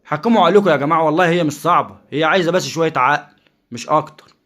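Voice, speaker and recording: A man's voice: a little high, racing, a bit bright. A man with an Egyptian Arabic accent hosting his own channel, ranting combatively about football and firing off repeated rhetorical questions. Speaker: football commentator and channel host. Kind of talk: heated solo rant to camera.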